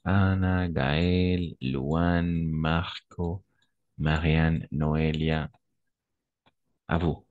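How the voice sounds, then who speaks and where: Male french teacher, slow and patient, repeats every word, dry muffled call audio. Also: a bass voice, fairly even intonation, a little mellow, no room sound. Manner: slow, patient, repeats words for pronunciation drills. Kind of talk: online language lesson.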